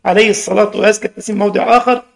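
A man's voice: high-pitched, steady tone, very fast, creaky. A man with an Egyptian accent giving a religious lesson, mixing formal and colloquial speech and quizzing his listeners. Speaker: Islamic religious teacher.

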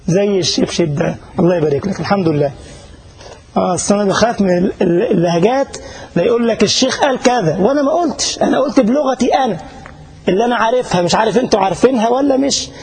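A man's voice: high-pitched, racing, darkish tone, husky, low-quality recording. A man with an Egyptian accent who is a sheikh giving a casual religious lesson to a live audience in Germany. He chats, jokes and keeps asking his listeners whether they follow. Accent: Egyptian Arabic. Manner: chatty and joking, addresses listeners directly, asks checking questions. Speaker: sheikh teaching a religious class. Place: class in front of an audience in Germany.

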